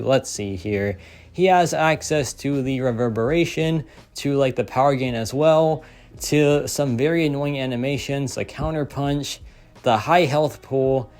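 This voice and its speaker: A young man talks through game strategy in a loose, excited way, leaning on "like" and "so yeah". His voice sits at an ordinary middle pitch. It sounds slightly worn, as if he has been talking for a long while. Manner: enthusiastic, heavy use of "like" and "so yeah". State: losing his voice. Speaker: gaming content creator. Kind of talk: casual game commentary.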